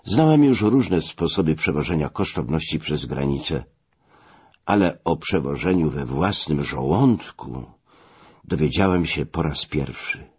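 A man narrating a memoir audiobook in a measured, wry storytelling manner. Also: extremely low pitch, lively intonation, darkish tone, husky. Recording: dull lo-fi recording.

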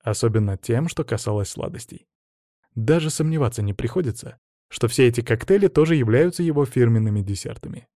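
A man reading a novel aloud as narrator, in an even, steady storytelling manner. His voice is warm and mellow, recorded dry and close with no room sound. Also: medium pitch, brisk, no echo. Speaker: audiobook narrator. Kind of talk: scripted narration.

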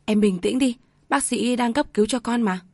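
A woman's voice: on the high side, normal speed, darkish tone, no echo. A woman reading aloud voices a worried young husband who comforts his wife and speaks up for her. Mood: tense soothing. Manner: soothing but tense.

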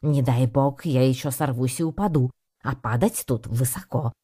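A woman's voice: rumbling low, normal speed, dark tone, husky. A woman reading a first-person story aloud with a wry, storytelling manner. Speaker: audiobook narrator. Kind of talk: scripted first-person narration.

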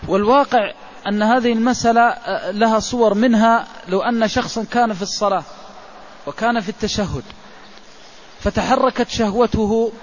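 A man, a religious scholar, explains a classical legal text in a measured lecture and pauses on drawn-out fillers. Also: high voice. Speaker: religious scholar teaching jurisprudence. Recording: dull lo-fi recording with faint hiss.

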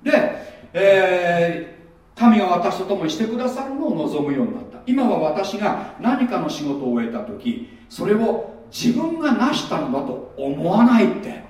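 Animated high-voiced preacher in an echoey hall. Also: male voice, measured pace. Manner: conversational preaching, rhetorical questions. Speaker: pastor. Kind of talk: sermon. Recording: very echoey room, voice from far off.

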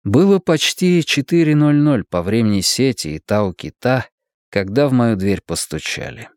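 A man's voice: medium pitch, expressive, normal speed, darkish tone, dry recording, clean studio sound. A man reading a novel aloud as the first-person narrator, telling the story expressively. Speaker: audiobook narrator.

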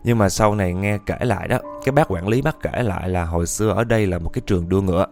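A man tells a ghost story in a chatty, conversational way. He keeps speaking straight to his listeners as he reads the tale aloud, with soft music playing faintly behind him. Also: low-pitched, fast talker. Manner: chatty storytelling, often addressing the listeners directly.

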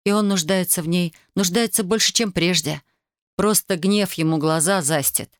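A woman reads a novel aloud in an even, measured storytelling voice. Her voice is fairly low, and the sound is dry and close, with no room echo. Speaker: audiobook narrator. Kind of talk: audiobook narration.

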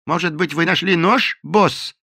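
A man voicing an impassive, sly male cook who answers calmly and deliberately, with mild mockery. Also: fairly high pitch, vocal fry, no room sound, clean studio sound, pitched above the performer's own voice, full character voice. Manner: calm, deliberate, mildly mocking.

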